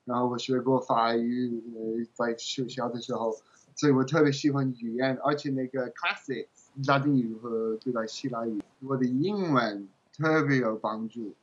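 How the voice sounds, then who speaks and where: A foreigner, a native English-speaking man, chatting casually in English-accented Mandarin as an interview guest, halting as he searches for words and slipping into English. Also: medium pitch, steady tone, husky, dull audio. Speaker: interview guest, game translator.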